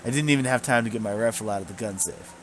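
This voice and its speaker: A man voicing a bitter, grieving woman rancher who talks bluntly in rough rural grammar. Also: fairly low pitch, rapid-fire, a little hiss or hum, natural voice.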